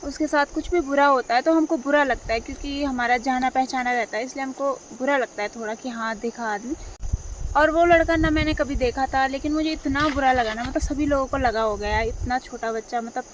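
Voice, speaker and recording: Young female vlogger with a high voice who rambles and repeats herself. Faint crickets in the background. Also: fairly even intonation, fairly quick, a little hiss or hum. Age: young adult. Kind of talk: casual talk to camera.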